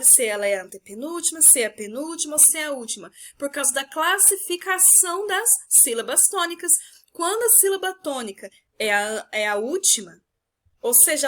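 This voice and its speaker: A Brazilian woman teacher with a Brazilian Portuguese accent, explaining a lesson to her pupils and drawing out words slowly to show their stressed syllables. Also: high voice, bright, forceful tone. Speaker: primary school teacher. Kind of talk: recorded remote class explanation.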